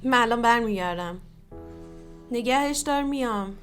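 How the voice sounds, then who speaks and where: A woman's voice: on the high side, lively intonation, faint music behind. A woman hosting a comedic film commentary, sarcastic and exasperated, mocking the film's lines.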